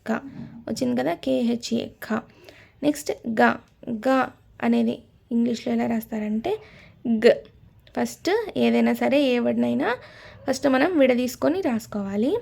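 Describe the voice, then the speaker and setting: Woman teacher with a gravelly voice. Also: a little high, mellow. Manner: slow, repeats each sound several times, quizzes learners. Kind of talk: spelling lesson.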